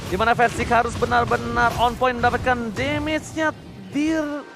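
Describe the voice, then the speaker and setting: A man with an Indonesian accent giving excited, dramatic play-by-play like a fighting game announcer, mixing slangy Indonesian with English phrases. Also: very high voice, moderate pace, gravelly, over music. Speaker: esports match caster. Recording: noisy broadcast with loud background noise.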